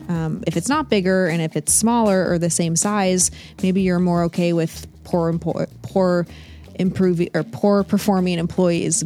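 A middle-aged woman, a business author, explaining her methods as a podcast guest in a confident, brisk, practical way. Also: lowish voice, darkish tone. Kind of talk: casual interview talk.

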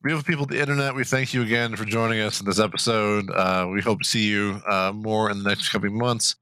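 A man co-hosting a casual podcast, rambling through a story with lots of restarts and cheerful profanity. His voice is bright and forward, and the sound is dry and close with no room in it. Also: fairly low pitch, fairly even intonation, fast, smooth, no echo. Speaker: podcast co-host. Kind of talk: casual chat.

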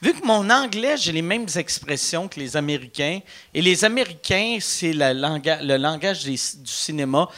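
A man's voice: on the high side, normal speed, few pauses. A man with a Quebec French accent hosting a live podcast, joking and talking over his guests. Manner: animated, joking, talks over others. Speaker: podcast host. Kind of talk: casual live podcast chat. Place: live show in a bar venue.

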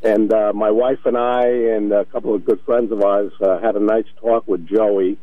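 A man calling a radio show over the phone, halting and repeating his words. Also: lowish voice, flat delivery, no room sound. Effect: heard over a phone line. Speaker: caller. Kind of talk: radio call-in. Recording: tinny phone line.

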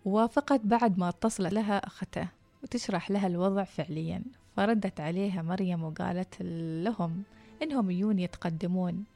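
A woman with a Gulf Arabic accent narrating a true-life story, reading it aloud with a calm, even delivery. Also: mid-range voice. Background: soft background music.

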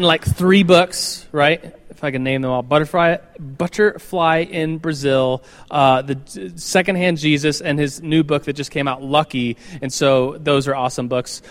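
A man hosting a church teaching session, introducing the guest speaker in a loose, rambling way. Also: fairly high pitch. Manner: rambling, full of fillers and restarts. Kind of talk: casual introduction.

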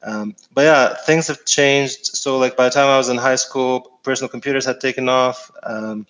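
A middle-aged man from Egypt, a guest in a casual interview, talking in a relaxed way with many fillers and restarts. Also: mid-range voice, moderate pace, rough recording.

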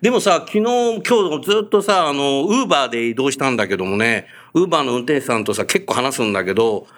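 A male host in casual conversation with a guest, spinning quick anecdotes and nodding along. His speech is rapid and his pitch swings widely as he talks, animated and loose. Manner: chatty, animated storyteller, frequent nods. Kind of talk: casual on-location interview.

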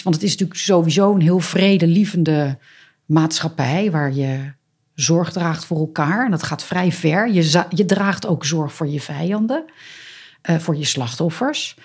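A woman's voice: fairly low pitch, a little mellow, slightly rough. A woman guest in a casual book discussion, speaking earnestly and reflectively, with some hesitation. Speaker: guest author.

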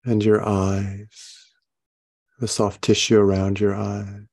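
A man leading a guided meditation, giving gentle, unhurried instructions and soft questions. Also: fairly low pitch, monotone, slightly rough. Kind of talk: guided meditation, body scan.

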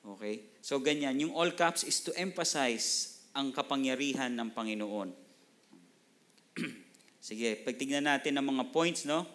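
A middle-aged Filipino pastor teaching from the Bible in a relaxed, conversational sermon. He speaks in an ordinary mid-range male voice, often pausing to check in with the congregation and mixing English phrases into his speech. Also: mid-range voice.

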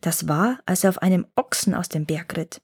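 A wise old gnome grandfather, read by a woman, recounts the old days at an even, unhurried pace. The voice stays close to a plain reading voice, calm and measured. It sounds like a storybook told aloud. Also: on the low side, husky. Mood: telling.

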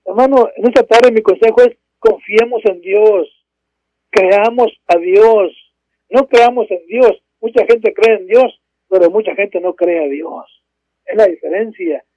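This home sermon comes from a man whose voice is high and warm, with no echo on the dull, dry lo-fi recording. He preaches with fervor, repeatedly addressing his "hermanos" and crying out "gloria a Dios, aleluya" between verses.

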